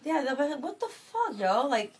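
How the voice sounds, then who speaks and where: With a crowd audible and music playing behind, a young woman from Michigan vlogs in a relaxed late-night chat. Her high-pitched, sing-song voice moves at normal speed as she rambles, swears and uses lots of fillers.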